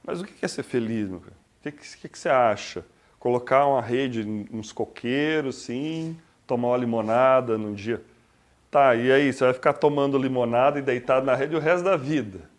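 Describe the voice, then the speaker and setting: A man's voice: medium pitch, moderate pace. A man in his forties with a Brazilian accent, talking casually and reflectively, asking rhetorical questions and acting out small everyday scenes. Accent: Brazilian Portuguese. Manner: conversational and expressive, rhetorical questions, acts out little scenes. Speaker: speaker giving a reflection talk.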